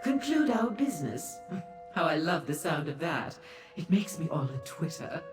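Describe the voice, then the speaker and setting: An actress playing a flirtatious, theatrical madam of a pleasure house in a fantasy video game, gushing coyly with drawn-out endearments. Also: female voice, deep voice, close to an everyday voice. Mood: teasing, delighted. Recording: roomy echo with music behind.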